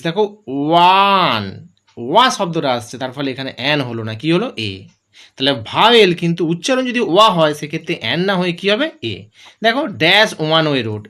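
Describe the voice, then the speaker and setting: Here a man who teaches English breaks grammar rules down step by step. High in pitch, his delivery climbs and dips with energetic emphasis as he keeps raising questions only to answer them.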